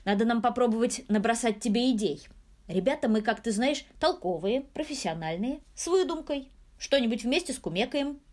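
A woman reading a storybook, voicing a gruff, self-important male thunder spirit who speaks weightily. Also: a little high, expressive, moderate pace, darkish tone. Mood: pondering. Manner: weighty, pompous.

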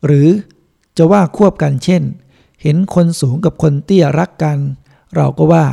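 A man, a monk, reading a book aloud in a calm, measured way. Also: on the high side, gravelly. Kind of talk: audiobook reading.

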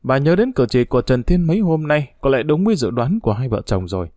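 A man narrating a novel in a steady storytelling reading. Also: mid-range voice, quick pace, no echo, studio quality. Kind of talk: scripted audiobook narration.

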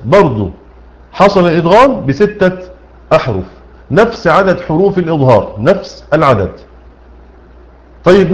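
Egyptian teacher explaining recitation rules. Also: male voice, a little high, rough recording. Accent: Egyptian Arabic. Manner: asks questions and answers them himself, repeats key words, recites slowly. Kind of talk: explaining a tajweed poem line by line.

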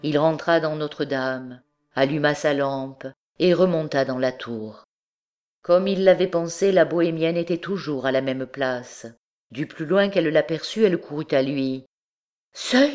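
A woman reads a classic novel aloud in a calm, measured way. Her voice sits low and deep for a woman. The pacing is steady, like a careful audiobook narration. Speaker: audiobook reader.

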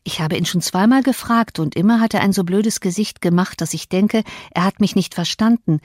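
A woman voicing a spirited, headstrong teenage girl in an audiobook, speaking in quick, indignant questions. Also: medium pitch, a little mellow, no room sound, clean studio sound, lightly acted.

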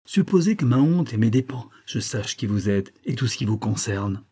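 A man's voice: medium pitch, very animated, moderate pace, voice pushed up. A man voicing a proud, furious noblewoman with a strong, ringing voice. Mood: accusing. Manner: forceful, clear and ringing.

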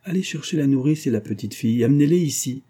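A man voicing a proud, quick-tempered young society wife in an audiobook, with a sharp, imperious delivery. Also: mid-range voice, expressive, slightly rough, voice pushed up.

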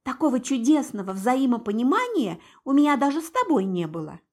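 A woman voicing a cheerful young mermaid secretary in an audiobook, chatty and excitable. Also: sits high, fairly quick, exaggerated voice.

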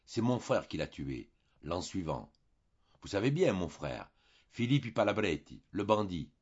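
Male reader doing a tired, sickly villager, slow flat delivery, dull lo-fi sound. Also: sits low, slightly rough, exaggerated voice. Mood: proud. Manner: dragging, monotone, coughing. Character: weary sickly Corsican man recounting a killing.

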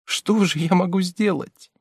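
A man's voice: sits high, measured pace, gravelly, husky, no echo, clean studio sound, voice pushed up, exaggerated voice. A man voicing a meek, weeping young noblewoman who pleads helplessly. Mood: pleading.

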